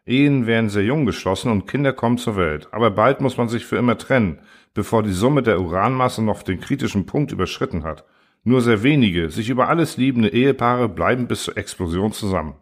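A man reading a first-person science fiction story aloud in a calm, even storytelling manner. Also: fairly low pitch, a little fast. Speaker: audiobook narrator.

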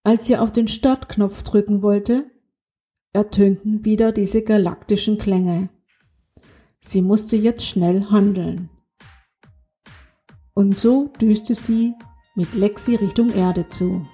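A woman narrating a children's audiobook in a calm storytelling manner. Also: mid-range voice.

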